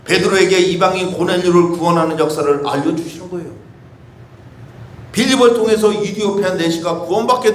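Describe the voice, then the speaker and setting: A male pastor preaching a sermon, talking conversationally with many rhetorical questions and acting out prayers. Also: high-pitched. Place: church sanctuary. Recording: echoey church room with faint hiss.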